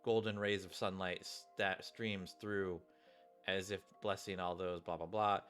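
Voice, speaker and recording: Over game music, this man streams a game and chats informally with his audience, wandering between commentary and reading the story text aloud. His voice is deep and a bit bright, delivered flatly at a measured pace.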